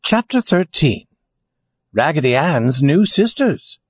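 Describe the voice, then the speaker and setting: A man reading a children's storybook aloud in a lively, expressive way, recorded with a dry, dull lo-fi sound. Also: a little high, takes it slowly, husky, no room sound. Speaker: narrator.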